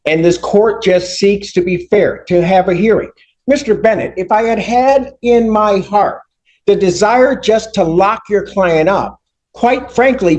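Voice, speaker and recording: Heard through lo-fi sound, this middle-aged judge has a high voice with a darkish tone. He lectures sternly in court, measured and emphatic.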